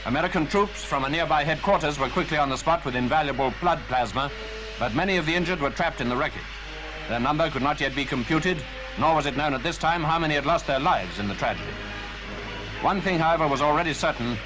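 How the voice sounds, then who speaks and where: A man narrating an old newsreel in a grave, formal, measured manner. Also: a little high, low-quality recording. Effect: old newsreel voice-over. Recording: voice-over with music underneath.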